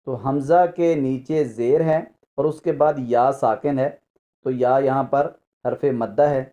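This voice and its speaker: A man teaching a recitation lesson, spelling out sounds slowly and stretching vowels for learners. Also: mid-range voice, warm tone, lo-fi sound.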